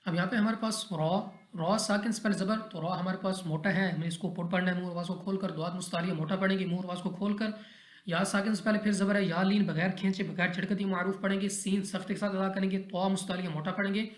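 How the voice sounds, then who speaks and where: A man's voice: high-pitched, steady tone, fast. A man teaching Quran recitation rules step by step in a methodical, repetitive way, often checking in with his listeners. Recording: echoey roomy recording.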